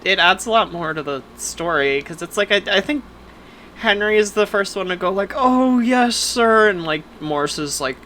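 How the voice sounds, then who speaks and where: Chatty lower-voiced woman on a podcast. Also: pushed and bright, slight background noise. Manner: chatty, many fillers, quick asides. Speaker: podcast co-host. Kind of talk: casual chat.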